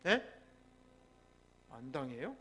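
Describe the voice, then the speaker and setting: A man's voice: medium pitch, big pitch swings, drawn-out words, pushed and bright. A man with a Jeolla accent preaching a sermon as pastor, telling stories and prompting replies from the congregation. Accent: Jeolla Korean. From Jeolla, South Korea. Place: church sanctuary.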